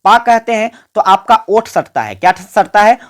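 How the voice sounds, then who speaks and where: A man's voice: high-pitched, lively intonation, moderate pace. A man teaching an exam-prep grammar lesson. He keeps asking the listeners questions, answers them himself, and has them repeat sounds along with him. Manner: quizzes listeners and answers his own questions.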